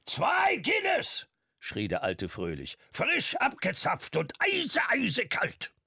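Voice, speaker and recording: A hearty old man in his nineties, portly and brimming with vitality, as a male narrator puts him on. He is pitched well above the reader's own low voice and talks loud, slow and exuberant, with a gravelly edge. The recording is close and dry. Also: sing-song, no echo, exaggerated voice. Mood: booming. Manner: booming, jovial, shouting over noise.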